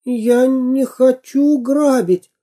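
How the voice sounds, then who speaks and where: A storyteller voicing a timid, frightened little boy in a storybook reading, pleading in a high, plaintive voice. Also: slow pace, warm tone. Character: scared little boy sailor, timid and tearful.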